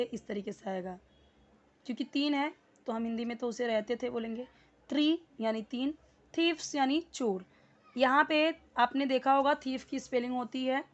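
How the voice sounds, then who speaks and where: A woman's voice: a little high, dull audio. A woman teaching English in Hindi, repeating words and explaining them patiently with many fillers.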